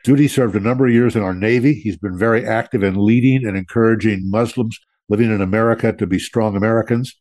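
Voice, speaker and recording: A man's voice: lowish voice, steady tone, quick pace, few pauses, a little mellow, no room sound. A man hosting a veteran talk radio show, greeting listeners as troops and interviewing a guest in a folksy way.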